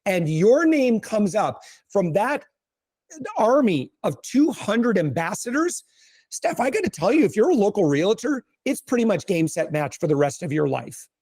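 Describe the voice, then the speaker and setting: Energetic man coaching on a podcast. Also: high voice, dry recording. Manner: energetic, coaching, with quick asides and restarts. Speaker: podcast guest. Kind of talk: casual podcast conversation.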